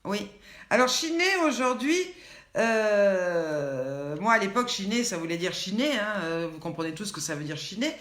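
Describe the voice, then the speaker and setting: A woman's voice: medium pitch, very animated, normal speed, a bit bright. An older woman hosting a live online show, playfully quizzing viewers and reading out their names and comments. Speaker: host of a daily online show. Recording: echoey room.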